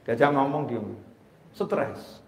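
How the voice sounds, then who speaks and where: A man preaching a sermon at a religious gathering, animated and emphatic, with joking asides. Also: mid-range voice, slow, reverberant.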